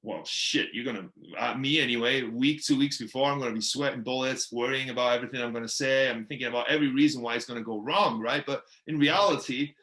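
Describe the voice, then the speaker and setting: Talking fast with few pauses, this podcast host has a medium-pitched, slightly bright voice and a Welsh accent, Welsh being his first language. He runs the interview in a relaxed, friendly way with frequent laughter, and the room sounds echoey.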